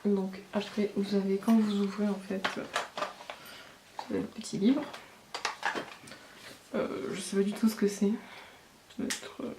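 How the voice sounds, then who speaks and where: A woman's voice: medium pitch, little pitch movement, takes it slowly, pauses often. Chatty woman vlogging in an echoey room. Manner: chatty, many fillers and hesitations. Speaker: beauty vlogger. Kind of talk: casual haul and product review. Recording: echoey room with background noise.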